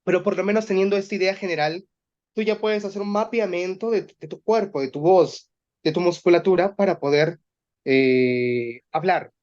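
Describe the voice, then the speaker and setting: A man's voice: sits high, normal speed, a little mellow, highs cut off. A man leading a voice workshop for teachers, explaining and demonstrating exercises aloud.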